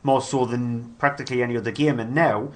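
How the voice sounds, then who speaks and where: A man's voice: mid-range voice, fairly even intonation, a little fast. A man on a podcast panel, chatting in a rambling, easygoing way. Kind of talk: casual chat about games.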